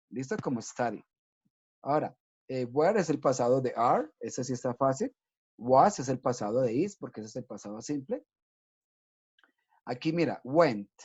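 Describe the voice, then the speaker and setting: A male English teacher gives a recorded online class for children, patient and methodical, explaining step by step and often asking "¿listo?" to check they follow. His medium-pitched voice is mellow, dark and slightly rough. The recording sounds dull and lo-fi.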